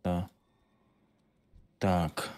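A man's voice: drawn-out words, a little mellow. A man leading an online game raid, giving terse, clipped, commanding callouts over voice chat.

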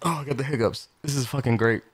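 A man commentating a match between friends, laughing constantly and cheering loudly. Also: mid-range voice, fast, breathy edge, no echo. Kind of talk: excitable live game commentary.

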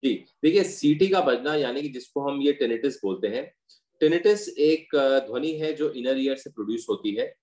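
A man who is an ENT doctor, calmly explaining hearing problems and giving patient advice with medical terms in an interview. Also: medium pitch, moderate pace. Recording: roomy echo.

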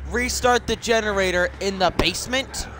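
A man's voice: high-pitched, moderate pace. A young man playing a horror game, swearing and talking himself through each scare in casual commentary. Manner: jumpy, swears, talks to himself while playing. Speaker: let's play gamer. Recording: noisy game capture with clear background noise.

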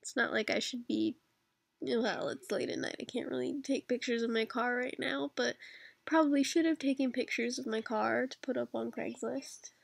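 Creaky, higher-pitched young Canadian woman. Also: normal speed, no echo. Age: 20s. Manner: rambling, self-deprecating, dry asides. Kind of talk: casual chat answering questionnaire questions. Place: dark bedroom at night, lying on a bed.

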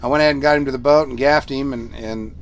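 A man's voice: mid-range voice, fairly even intonation, fast, slight background noise. A man, casually narrating a sailing trip in a rambling, drawling way. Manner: drawling, rambling, exclaims "golly". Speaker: sailing vlogger, dad. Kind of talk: casual narration and boat chatter. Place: outdoors on a sailboat deck at sea. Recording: music playing under the voice.

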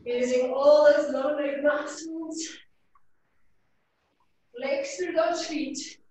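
A woman's voice: high voice, fairly even intonation, very slow, darkish tone. A young woman working out as she leads a fitness class, urging people on with short motivating gym-coach commands. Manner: exerting herself while demonstrating exercises. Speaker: fitness instructor leading a HIIT class. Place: indoor home exercise studio with cupboards. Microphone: far camera or laptop on a video call. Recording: distant, very echoey room sound.

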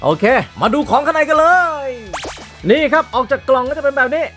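A man's voice: extremely high pitch, brisk, a bit bright, faint music behind. A man hosting a casual toy review vlog, chatting straight to his viewers and adding playful sound effects.

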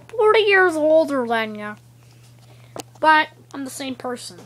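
A child voicing a toy bird who has grown forty years older, speaking loudly and cheerfully in a toy-play story. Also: sits high, sing-song, a little slow, full character voice.

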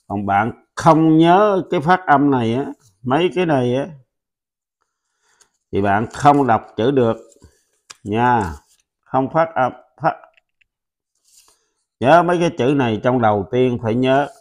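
A man whose first language is Vietnamese gives a patient pronunciation lesson at an unhurried, deliberate pace. His voice sits at an ordinary middle pitch. He repeats the example words slowly and loudly. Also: lively intonation. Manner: patient, instructive. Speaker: language teacher.

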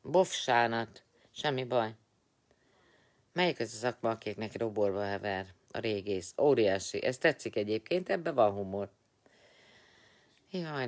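Low-pitched, tired man hosting a live stream, chatty and teasing with viewers. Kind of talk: casual live-stream chat, greeting and answering viewers.

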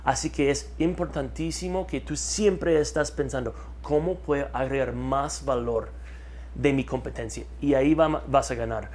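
An American marketing consultant gives an energetic interview in a studio with a map backdrop, speaking into a lapel mic. His voice is mid-range and his pace moderate, and he repeats key words for emphasis while gesturing animatedly with his hands.

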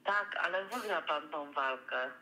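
A woman's voice: low voice, expressive, measured pace, sharp tone. A woman fortune teller heard over a phone line, patiently and politely reading cards for a caller, with hesitant fillers.

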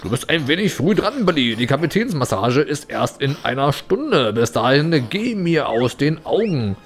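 A man voicing a blustering, easily frightened pirate captain with gruff, commanding exclamations, reading video game dialogue. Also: fairly high pitch, big pitch swings, normal speed. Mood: dismissive.

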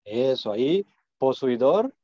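A man's voice: medium pitch, sing-song, slow pace, dark tone, no echo, muffled recording. Patient man teaching a Spanish class. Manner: patient, encouraging, repeats words to drill.

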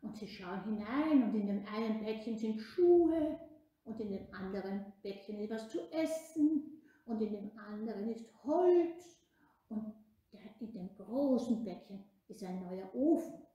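A woman telling a children's story in a lively, expressive way. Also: mid-range voice, a little slow, muffled recording. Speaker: religion teacher storyteller. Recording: echoey room.

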